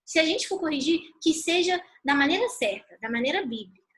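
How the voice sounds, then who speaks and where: High-voiced Brazilian woman teaching on a call. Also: a little fast, low-quality recording. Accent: Brazilian Portuguese. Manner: animated, chatty storytelling. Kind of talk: live online talk. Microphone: video call.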